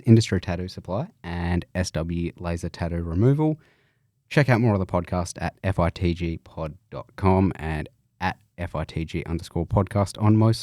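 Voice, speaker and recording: A man's voice: deep voice, mellow, dry recording, clean studio sound. A man with an Australian accent hosting a podcast in a casual, jokey, informal chat style. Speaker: podcast host.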